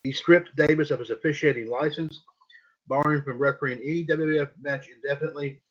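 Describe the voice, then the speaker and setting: A man's voice: fairly high pitch, steady tone, fast talker. Folksy male radio host, lo-fi sound. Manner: folksy, repeats himself, lots of fillers. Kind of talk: casual internet radio hosting. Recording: dull lo-fi internet radio audio.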